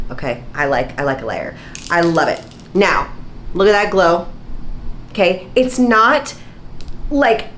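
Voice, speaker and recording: A woman's voice: medium pitch, fairly bright tone, slight background noise, poor audio. A woman in her thirties, slightly nasal and congested from a recent sickness, chatting casually and emphatically to camera as she reviews beauty products. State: congested, getting over a sickness. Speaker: beauty vlogger. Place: small indoor home office.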